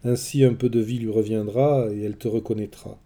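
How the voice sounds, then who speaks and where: A man voicing a gentle messenger god. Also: on the low side, fairly even intonation, fairly quick. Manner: gentle, soft-spoken. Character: gentle male messenger god, calm adviser. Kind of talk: storybook reading.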